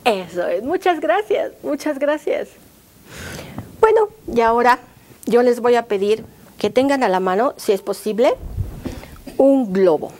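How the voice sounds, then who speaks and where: A woman's voice: on the high side, darkish tone, a little hiss or hum. A woman, a music teacher on a children's educational show, coaxing the audience into call-and-response. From Mexico. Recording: music playing behind the voice.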